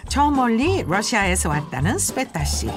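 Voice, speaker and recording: Female narrator for a TV health program, lively rising and falling voice, mid pitch, loud music underneath. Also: moderate pace. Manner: expressive, sing-song delivery. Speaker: documentary narrator. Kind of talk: scripted TV narration. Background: loud background music.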